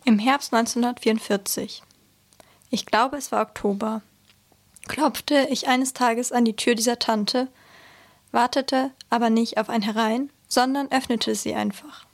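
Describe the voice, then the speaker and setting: A woman reading a first-person memoir aloud in a measured, earnest way. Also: fairly high pitch, fairly even intonation. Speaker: reader.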